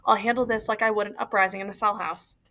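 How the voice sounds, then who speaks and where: A woman's voice: mid-range voice, fairly even intonation, quick pace, bright, forceful tone. A woman reading the part of a stern, scolding male prison warden in an audiobook.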